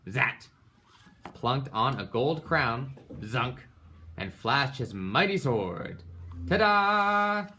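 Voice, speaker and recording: Reading a children's picture book aloud, a man performs it dramatically with emphatic sound-effect words. His mid-range voice is bright and forceful, and there is a little hiss or hum in the recording.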